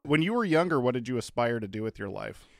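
A man co-hosting a casual podcast, wry and joking, with quick comebacks. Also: medium pitch, big pitch swings, creaky, no room sound, studio quality. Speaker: podcast co-host.

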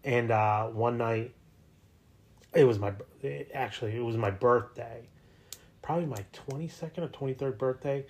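A man's voice: mid-range voice, normal speed. A man in his thirties from New Jersey, co-hosting a podcast and telling a rambling, jokey story in casual chat. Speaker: podcast co-host.

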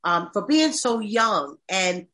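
A woman's voice: medium pitch, expressive, takes it slowly, a bit bright, rough recording. A woman in her fifties, a pastor hosting a call-in talk, speaking affectionately in long rambling sentences full of restarts. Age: 50s. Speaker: pastor and host. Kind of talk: casual talk to listeners on a call-in stream.

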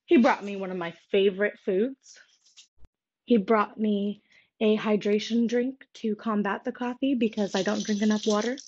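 A young woman hosting a casual solo podcast, candid and rambling, out of breath from walking around while she records. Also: medium pitch. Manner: candid, rambling, self-deprecating. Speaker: podcast host. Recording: dull lo-fi recording.

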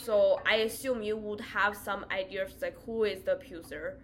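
A woman from China co-hosting a podcast, talking at ease with plenty of fillers. Her pitch sits in the middle for a woman. A faint hiss runs under her voice. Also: steady tone, moderate pace, fairly bright tone. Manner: chatty, many fillers. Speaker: podcast co-host. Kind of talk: casual chat. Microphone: home recording.

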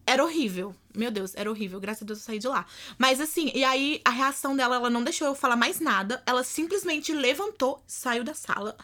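Bright-voiced young Brazilian woman. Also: high-pitched, fairly quick, hardly any pauses. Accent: Brazilian Portuguese. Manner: candid storytelling, acts out quoted speech. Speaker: podcast guest, former au pair. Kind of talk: casual interview chat.

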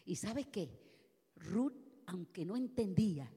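A woman pastor preaching a passionate sermon, moving from soft, quiet passages to loud shouted ones. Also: mid-range voice, animated, slow pace, slightly rough, in a large hall. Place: church.

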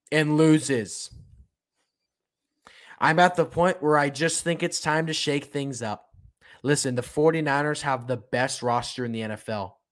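Fired-up man ranting about football. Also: on the high side. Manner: impassioned, repetitive ranting. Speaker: podcast host. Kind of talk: solo sports opinion podcast.

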